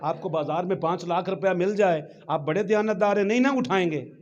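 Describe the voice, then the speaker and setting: High-voiced preacher giving a Friday sermon. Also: male voice, lo-fi sound. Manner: acts out quoted voices and rises to shouts. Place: mosque.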